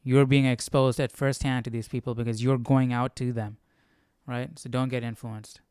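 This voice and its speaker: A Bible study livestream host reflects casually on scripture, regularly checking in with rhetorical questions. His mid-range voice is smooth and a little mellow, with little pitch movement and a moderate pace, captured in a dry, studio-quality recording.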